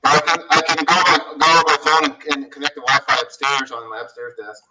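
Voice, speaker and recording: A man's voice: a little high, level tone, fairly quick, crowd noise. A man calling in over a bad laptop connection that gives his voice a hollow, cave-like echo, talking hesitantly with many restarts. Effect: hollow cave-like echo from a bad remote audio link. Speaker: horse racing handicapper calling in. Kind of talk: casual call-in chat. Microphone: laptop call mic.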